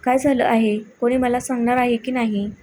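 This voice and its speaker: A woman's voice: on the high side, flat delivery, normal speed, mellow, slight background noise, natural voice. A woman doing an anxious middle-aged mother. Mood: angry. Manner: anxious, tearful. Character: middle-aged mother, worried then ashamed.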